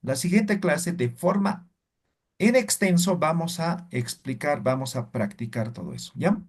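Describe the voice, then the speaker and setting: A man's voice: on the high side, lively intonation, measured pace. A man teaching a language class, explaining sounds and demonstrating them aloud, checking in often with short questions. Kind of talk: online language lesson.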